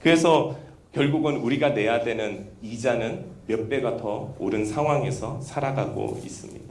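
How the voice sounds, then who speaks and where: A man's voice: mid-range voice, moderate pace, darkish tone, a little hiss or hum. Roomy, distant man preaching a sermon. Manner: earnest, conversational preaching with personal asides. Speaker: pastor.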